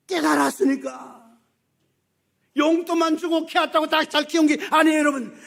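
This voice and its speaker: A male pastor preaching a sermon in church, swinging from hushed tones to emphatic shouts. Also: extremely high pitch, gravelly. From South Korea. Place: church sanctuary.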